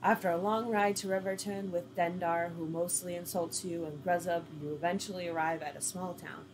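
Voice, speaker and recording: A woman's voice: fairly low pitch, steady tone, moderate pace, a little mellow, slight background noise, rough recording. A woman reading an interactive story game aloud, with casual, laughing asides.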